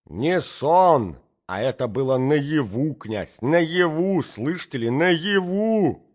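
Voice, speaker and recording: An indignant middle-aged matron, put on by a male audiobook reader insists and demands answers. Her voice is raised high and pushed loud. The recording is dull and lo-fi. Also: animated, moderate pace, close to an everyday voice.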